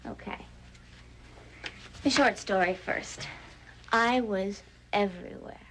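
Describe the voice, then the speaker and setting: Actress as young stage actress, playful storyteller, soap drama. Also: female voice, medium pitch, slow pace, slight background noise, close to an everyday voice, rough recording. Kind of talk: 1980s daytime soap acting.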